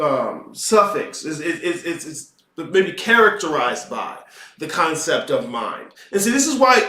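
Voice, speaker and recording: Guy with a high voice going off on a cursing rant, kinda far from the mic in an echoey room. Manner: emphatic and profane, swings from quiet asides to loud rants. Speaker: podcast host lecturing on occult philosophy. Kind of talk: profane impassioned monologue.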